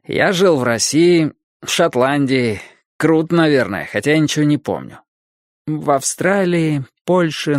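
A man's voice: fairly high pitch, dry recording, pitched above the performer's own voice. Male reader doing a raised, offhand voice for a mocking teen boy, dry close sound. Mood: nonchalant. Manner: shrugging, nonchalant delivery.

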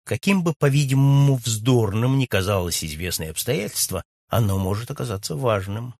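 A keen, reasoning detective, as a man reads him, precise and deliberate in every phrase. His husky voice rises and falls in a lively way. The sound is dry and close, in a spoken storybook. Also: mid-range voice, no echo. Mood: measured. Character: keen, reasoning male detective, measured and exact.

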